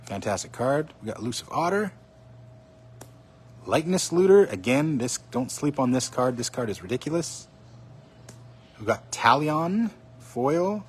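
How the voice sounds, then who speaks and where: A man of mid pitch talks casually through a card opening, calling out each pull with bursts of excitement. His voice is slightly hoarse. A faint hum sits under the recording. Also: normal speed. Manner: chatty, excited, naming cards as he pulls them. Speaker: card box opening streamer. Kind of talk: casual livestream commentary.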